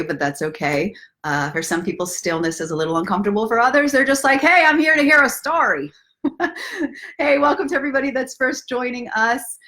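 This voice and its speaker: A self-love coach hosts a relaxed live story time, her medium-pitched voice carrying a fairly bright tone. She encourages viewers directly and playfully, with casual stream chatter, guided breathing, and book reading.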